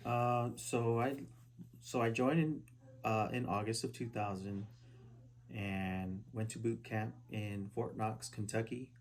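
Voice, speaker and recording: A man in his forties from Southern California, a veteran answering oral history questions at a relative's house, halting with many fillers and restarts. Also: fairly low pitch, fairly even intonation, a little hiss or hum. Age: 40s. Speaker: interviewee, Army veteran. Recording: poor quality home recording.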